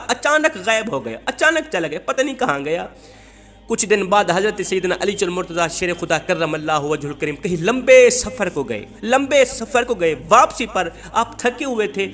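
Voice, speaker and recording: Male preacher, high voice, declamatory sermon narration with repetitions. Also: a bit bright. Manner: declamatory, repeating each phrase. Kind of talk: storytelling sermon.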